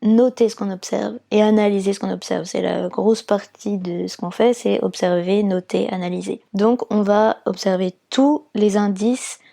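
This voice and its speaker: A woman's voice: medium pitch, fairly even intonation, moderate pace, gravelly, hardly any pauses, mellow. A woman from France, a fertility awareness counsellor, explaining her work patiently step by step in an interview, with frequent fillers.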